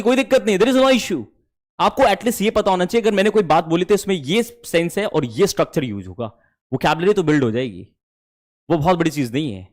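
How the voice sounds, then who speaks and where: A man teaching spoken English to students, explaining sentence patterns and repeating drill sentences. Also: sits high.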